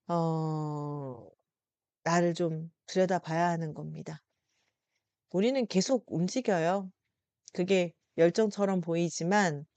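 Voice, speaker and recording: A woman presenting a psychology talk, speaking gently and consolingly to her listeners, with slow pauses. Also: lowish voice, clear, resonant tone, no echo. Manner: addresses listeners directly and warmly. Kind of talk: reflective explanatory talk to viewers.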